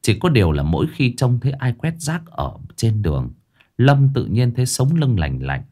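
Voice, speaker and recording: A man narrating a ghost story in an expressive, dramatic way. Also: mid-range voice, normal speed.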